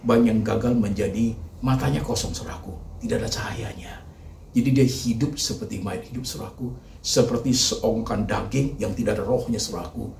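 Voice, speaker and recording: A man's voice: fairly low pitch, steady tone, fairly quick, creaky, a little mellow, a little hiss or hum. A male pastor preaching a sermon, talking emphatically and repeatedly calling his listeners brethren. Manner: emphatic, repetitive, keeps addressing listeners as brethren. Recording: echoey hall, mic at a distance.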